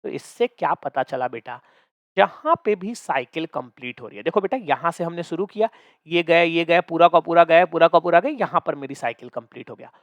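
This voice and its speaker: A man's voice: a little high, lively intonation, fairly quick, no echo. Playful young male physics teacher. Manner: playful, coaxing, calls students "beta"; asks checking questions often. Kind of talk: online exam-prep lecture.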